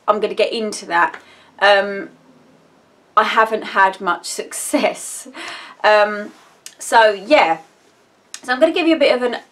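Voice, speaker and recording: A woman's voice: medium pitch, a bit bright. A woman in her thirties with an Essex accent, talking casually to her viewers in a personal vlog, rambling from one subject to the next with lots of ums. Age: 30s. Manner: rambling, chatty, jumps between subjects with many ums. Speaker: vlogger. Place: indoors at home.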